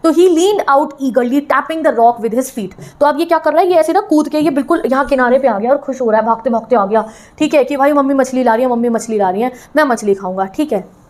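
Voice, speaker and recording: Young female teacher, high voice, slow English reading with lively Hindi-English explanation. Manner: reads English lines slowly, then explains in Hindi mixed with English; lively, acts out the bird's thoughts. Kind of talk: explaining a textbook story to students.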